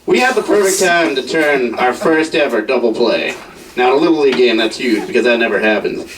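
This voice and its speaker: Young male comic, lively rambling delivery, self-deprecating, recorded from across a room. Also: medium pitch, fairly quick, crowd noise. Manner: rambling, self-mocking, full of "like". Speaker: stand-up comedian. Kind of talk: stand-up storytelling at a house party. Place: crowded house party. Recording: distant mic, faint noise.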